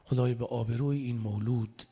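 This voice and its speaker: Husky-voiced man preaching a sermon. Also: mid-range voice, fairly even intonation, dark tone. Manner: storytelling, quoting scripture in Arabic.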